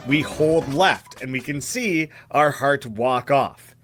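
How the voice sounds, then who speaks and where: A man narrating a scripted game walkthrough, calm and explanatory, step by step. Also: mid-range voice, slow, faint music behind.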